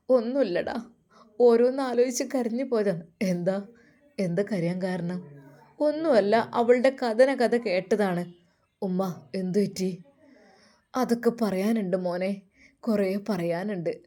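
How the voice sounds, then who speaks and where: A pious older mother scolds and pleads in turn, her voice rising with feeling, as a woman storyteller puts her on. The voice is mellow and warm rather than bright. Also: medium pitch, unhurried, long pauses, lightly acted. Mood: gentle.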